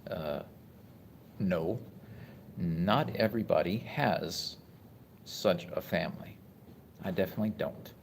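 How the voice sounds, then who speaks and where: Very low gravelly man, halting and reflective. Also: a little hiss or hum. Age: 40s. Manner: reflective, halting, many restarts. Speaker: vlogger on a live stream. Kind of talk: casual live-stream talk reading chat. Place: hospital room.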